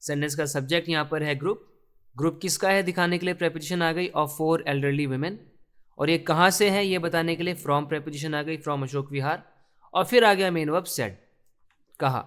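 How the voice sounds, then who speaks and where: A man teaching English from a newspaper, reading each phrase slowly and explaining it in Hindi. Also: on the high side, a bit bright, smooth. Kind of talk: explaining a newspaper text line by line.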